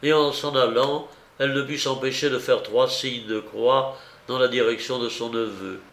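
A man reading a literary novella aloud in slow, measured, grave narration. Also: medium pitch, fairly even intonation, a bit bright, roomy sound, slight background noise. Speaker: audiobook reader.

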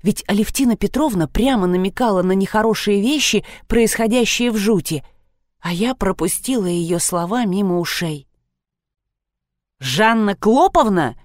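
A woman reads a first-person story aloud at a steady, measured pace, bringing expression into each sentence. Her voice sits at a middle pitch and sounds dry and close, with no room around it. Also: no echo. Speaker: audiobook narrator. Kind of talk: scripted first-person narration.

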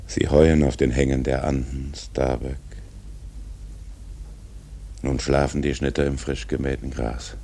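An actor playing a brooding, tormented old sea captain in a literary radio drama, solemn and haunted, with a gravelly, husky voice. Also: male voice, rumbling low, little pitch movement, measured pace, long pauses, mellow, exaggerated voice. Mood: weary, musing.

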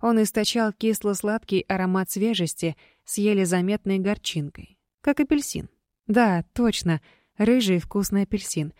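A woman reading a fantasy novel aloud in measured, scripted narration. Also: mid-range voice, a little mellow, no echo, studio quality. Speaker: audiobook reader.

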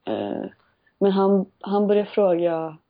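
Husky young woman, blunt and wry. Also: mid-range voice, sing-song. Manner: blunt, quick reactions and wry remarks. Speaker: podcast co-host. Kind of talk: casual chat. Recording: dull lo-fi old recording.

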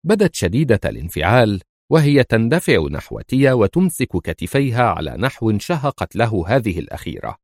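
A man narrates a story aloud in a dramatic audiobook reading. His voice is low and swings widely in pitch. It is recorded close and dry. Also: big pitch swings, fairly quick, a little mellow, no room sound.

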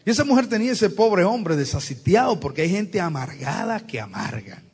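Male preacher, high and husky, tells stories with a joke in them. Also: a little fast. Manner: lively storytelling with acted quotes and humor. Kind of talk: sermon.

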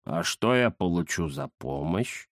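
Storybook: a pompous fat tomcat, low and slow, read by a man. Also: lively intonation, no room sound, clean studio sound. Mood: lazy. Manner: slow, lazy, grumbling, self-important. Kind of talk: audiobook character voice.

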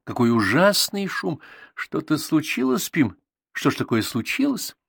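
A frail, nervous old aunt voiced by a man speaks quietly, in a high, fretful voice. She sounds easily frightened and fussy. The storybook sound is dry and close. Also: very animated, a little slow, gravelly, breathy edge, no echo, heavily acted. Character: frail, nervous sick aunt, older woman.

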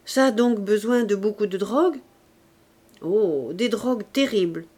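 A woman reading an audiobook, voicing an old neighbor woman who answers in a low, slow, matter-of-fact way. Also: expressive, a little mellow, breathy edge. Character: old unmarried neighbor woman, calm and plain.

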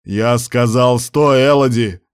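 A male reader voicing a drunk, furious young man who snarls and shouts crude insults. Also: medium pitch, takes it slowly, clean tone, voice pushed up, natural voice. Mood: raging.

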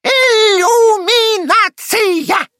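A shrill excitable parrot. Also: male voice, drawn-out words, no room sound, clean studio sound, heavily acted. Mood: excited. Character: excitable male parrot, cheeky and cheerful.

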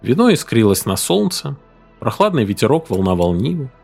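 A man narrating a story in an animated, dramatic way. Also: mid-range voice, normal speed, vocal fry, husky, faint music behind. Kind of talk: expressive story reading.

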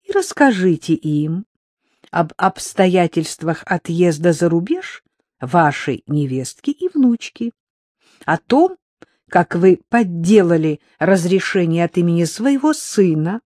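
A reader voicing Rita, a sly young woman who sweet-talks and threatens by turns, in a dry, close recording with a lively, wide-ranging delivery. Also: fairly low pitch, takes it slowly, dry recording, heavily acted. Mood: honeyed mocking. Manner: sugary and mocking, then barking orders. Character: sly, sharp-tongued young woman blackmailer. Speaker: character in an audiobook. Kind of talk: audiobook character reading.

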